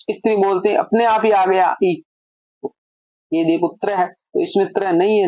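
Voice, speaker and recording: A woman's voice: fairly low pitch, a little mellow, no echo. A woman teaching a grammar lesson, explaining step by step and answering her own questions.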